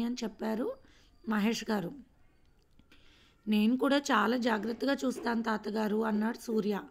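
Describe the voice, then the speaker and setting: A woman reading a family drama story aloud in a gentle, emotive storytelling manner. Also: a little high, gravelly. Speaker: story reader. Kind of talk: read-aloud story narration.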